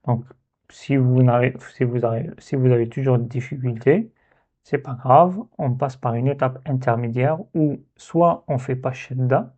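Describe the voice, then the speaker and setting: Slow, patient male teacher, tinny sound. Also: medium pitch, fairly even intonation, darkish tone. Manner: patient, slow, repeats syllables to demonstrate. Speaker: Arabic reading teacher. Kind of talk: step-by-step lesson.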